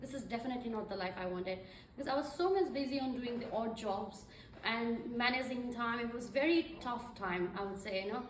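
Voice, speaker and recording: A woman's voice: a little high, fairly quick, recorded from a distance, a little hiss or hum. Nepali-born woman speaking in an echoey hall. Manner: conversational, many fillers. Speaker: guest speaker. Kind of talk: event speech. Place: event hall.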